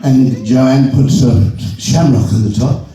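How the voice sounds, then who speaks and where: A man's voice: medium pitch, slow pace, warm tone. A man telling jokes to a live audience, rambling with stumbling restarts and chuckling at his own punchlines, heard from far off in a large echoey hall. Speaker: joke teller.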